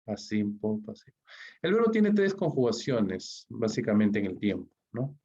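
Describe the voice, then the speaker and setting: A man's voice: fairly low pitch, very animated, dark tone, slightly rough, dull audio. Man teaching, checking in with "¿ok?". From Peru. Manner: explains slowly, checks in with "¿ok?" and "¿no?" constantly; reads English examples slowly and deliberately. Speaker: English teacher. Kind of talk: online exam-prep lecture.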